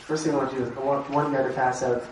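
A Montreal-born man races through an informal class in a mid-range, level voice, chatting, firing questions at his students, and laughing often. The audio is echoey, distant-miked, with faint background noise.

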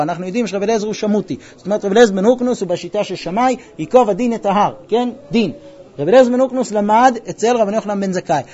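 High-voiced man teaching Talmud. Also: dull audio. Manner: lively, retells stories with quoted dialogue, quizzes students. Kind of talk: classroom lesson with storytelling.

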